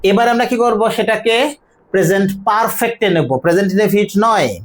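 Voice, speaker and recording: A teacher working through a grammar and pronunciation lesson at a steady, patient pace. The voice walks through each step, poses questions and answers them, and stretches out the example words slowly so every sound can be heard. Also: medium pitch. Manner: explains step by step, asks and answers own questions; says model words slowly and drawn out. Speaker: English teacher.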